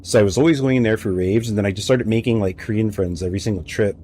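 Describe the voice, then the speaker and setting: With a fairly low pitch and fast delivery, a young American streamer, English being his native language, spins rambling, animated anecdotes while gaming at home. He talks into a headset mic, with slight background noise.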